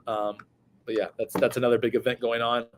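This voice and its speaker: A man's voice: medium pitch, little pitch movement, a little fast, slight background noise. A man, co-hosting a casual chat while he has the hiccups, often repeating words as he starts sentences. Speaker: podcast co-host.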